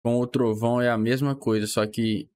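A man's voice: mid-range voice, steady tone, moderate pace, darkish tone. A young man with a Brazilian accent making chatty, slangy, casual reaction commentary on a stream. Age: young adult.

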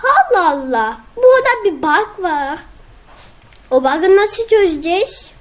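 A young woman, casually commenting on her own gameplay, excitable and whiny when frustrated. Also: very high voice, measured pace. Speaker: gaming video host.

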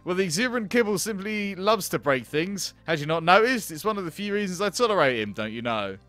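A man's voice: sits high, animated, fairly quick, fairly bright tone, dry recording, soft background music. A man voicing a snooty, posh female cat who talks down to people in a prim, overly formal way. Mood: haughty.

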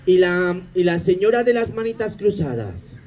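A man's voice: high-pitched, big pitch swings, normal speed, warm tone, slight background noise, low-quality recording. A man doing stage comedy, teasing the audience in a sarcastic, mock-grumpy way.

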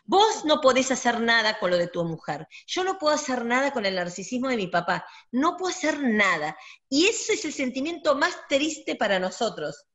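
A woman co-hosting a radio talk, telling stories in an emphatic, animated way. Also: fairly high pitch, moderate pace. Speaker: doctor and radio co-host. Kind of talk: casual spiritual talk. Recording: dull lo-fi audio.

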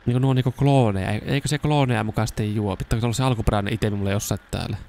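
A young man with a fairly low voice talks through a video game in casual let's-play style. He chats to himself as he plays and breaks into excited shouting when something works, recorded close on a desk microphone. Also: creaky, slight background noise. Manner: chatty, talks to himself while playing, bursts into excited shouts. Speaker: gaming YouTuber.

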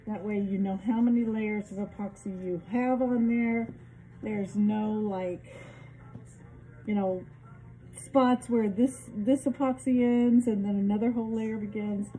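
A woman giving a casual craft demonstration, her voice muffled because she is speaking loudly through a respirator mask. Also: medium pitch, fairly even intonation, measured pace, slight background noise. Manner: chatty, self-deprecating, speaking loudly. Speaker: craft tutorial maker. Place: home craft area with fans and open windows.

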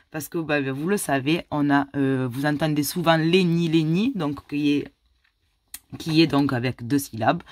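A woman's voice: medium pitch, no echo, studio quality. A woman in her thirties, a mother of three, chatting casually to her viewers and answering their questions in a rambling way full of fillers. She sounds tired and a little ill. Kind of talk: casual chat.

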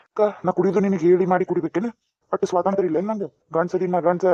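A man's voice: high-pitched, flat delivery, racing, no echo. Man voicing a scornful, angry drunk husband. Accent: North Karnataka Kannada. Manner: shouting, scornful, brusque. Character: angry drunk young husband, harsh, defiant. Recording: dry, dull lo-fi sound.

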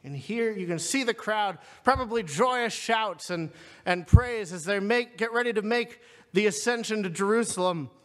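A man's voice: high voice, normal speed. A man preaching a sermon, retelling a scripture story in an earnest storytelling manner. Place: seminary chapel. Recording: long hall reverb.

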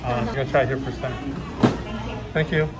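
A man hosting a casual food vlog and cooking demo, speaking easygoing and pausing often with "uh" as he explains. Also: medium pitch, steady tone. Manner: easygoing, frequent "uh" pauses while explaining. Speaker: food vlogger.

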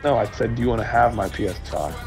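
A man's voice: medium pitch, fast talker. A man chatting casually during a video game as a teammate, slangy and blunt, with swearing. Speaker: streamer's gaming teammate. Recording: music playing behind. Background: music.

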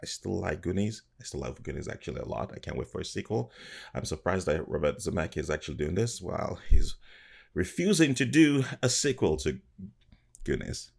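A man in his thirties giving casual, musing reaction commentary in a halting way, recorded on a desk mic at home. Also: deep voice, very animated, vocal fry, breathy edge. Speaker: reaction video host. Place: small room at home, indoors.

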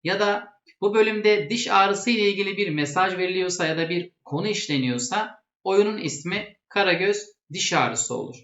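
A man's voice: sits high, normal speed, hardly any pauses, fairly bright tone. A man presenting an explanatory lesson in a didactic way, restating terms plainly. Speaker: presenter explaining traditional theatre. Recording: echoey, dull lo-fi sound.

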